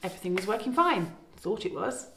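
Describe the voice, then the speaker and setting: Brisk and sing-song, a middle-aged woman vlogs from the old farmhouse she is renovating, rambling casually and correcting herself into a phone held at arm's length. Her medium-pitched voice is creaky with a sharp tone, and the room echoes around her.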